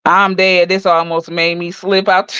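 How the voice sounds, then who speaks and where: A woman in her forties delivering a profane, mocking rant full of loud insults as she roasts someone on her stream. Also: fairly low pitch, little pitch movement, unhurried, clear, resonant tone, no room sound. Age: 40s. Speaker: livestream host. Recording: dull dry lo-fi recording.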